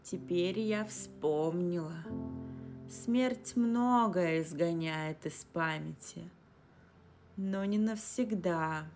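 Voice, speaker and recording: A woman narrator puts on a grave, ancient female spirit speaking through a dying warrior. She talks very slowly and low, in a prophetic tone. Clear instrumental music plays behind her. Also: a little mellow. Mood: solemn.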